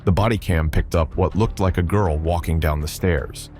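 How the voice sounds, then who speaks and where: A man with a low, heavy voice reads a scripted narration, pacing it to build suspense. Faint music plays behind him the whole way. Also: moderate pace, a little mellow. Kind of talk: scripted true-crime narration.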